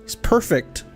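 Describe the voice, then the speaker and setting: A man streaming a game, reading its dialogue aloud, tripping over fantasy names and laughing often.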